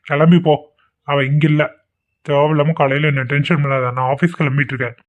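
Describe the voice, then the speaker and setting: Cartoon husband, blunt and scornful, man voicing, high-ish, lo-fi phone sound. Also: fairly even intonation, brisk, close to an everyday voice. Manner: curt, scornful. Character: young married man, blunt defiant husband. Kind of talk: amateur cartoon voice acting. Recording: tinny phone-like lo-fi audio.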